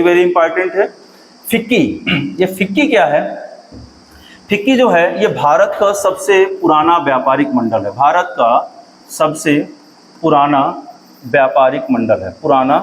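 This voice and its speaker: A man teaches an exam-prep lesson in a slightly high voice. He asks his students questions, repeats each answer and often clears his throat. A faint hiss sits under the speech. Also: low-quality recording.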